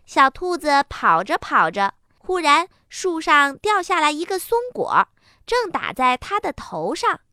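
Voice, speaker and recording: Woman reading a kids' story, bright lively voice, slow and dry close mic. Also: high-pitched, no echo. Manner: slow, expressive, singsong. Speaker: children's storyteller. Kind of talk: children's story narration.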